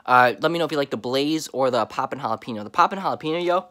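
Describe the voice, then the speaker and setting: A man's voice: medium pitch, expressive, racing, bright, forceful tone. A young man vlogging a snack taste test from his home basement, talking in laid-back slang and chewing as he goes.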